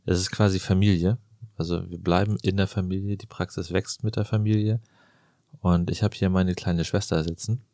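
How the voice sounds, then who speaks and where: A man's voice: low voice, level tone, moderate pace, dark tone, dry recording, studio quality. A man hosting a casual podcast interview, chatty and joking, telling anecdotes with gusto. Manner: jokey, chatty storyteller. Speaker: podcast host and plastic surgeon.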